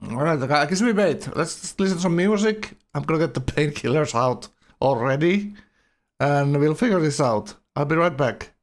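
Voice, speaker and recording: A man casually commentating a game tournament on a live stream in a loose, halting, rambling way, his speech slightly awkward from a numb mouth. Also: fairly high pitch, expressive.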